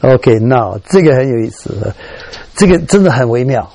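A middle-aged man preaching a sermon, telling stories in an animated way, scattering English fillers through his speech, his voice leaping up when he acts out strong feelings. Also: moderate pace. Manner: animated storytelling, voice jumps high when acting out emotion.

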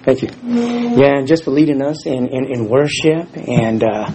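A scratchy, mid-range male voice, a little slow, belongs to a middle-aged guest speaker from Houston, Texas. Formerly a missionary, he gives a casual, self-deprecating sermon in a church hall and restarts his sentences often.

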